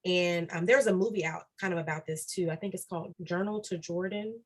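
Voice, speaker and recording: A woman's voice: on the low side, a little fast. A woman guest on a podcast interview, talking earnestly and repeating key phrases for emphasis. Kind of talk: reflective podcast interview talk.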